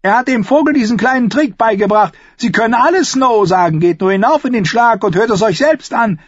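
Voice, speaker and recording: A man voicing a scornful knight who mocks loudly and sneers. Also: very high-pitched, expressive, brisk, husky, no echo, dull audio, pitched above the performer's own voice, exaggerated voice. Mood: mocking. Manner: sneering, loud. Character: scornful knight, loud and mocking.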